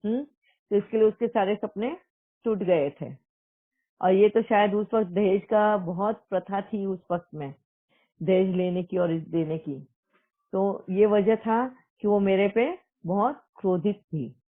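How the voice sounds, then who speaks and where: A woman's voice: mid-range voice, unhurried. A woman speaking earnestly as a spiritual speaker, recounting a personal testimony and mixing English words into Hindi. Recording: tinny phone-like audio.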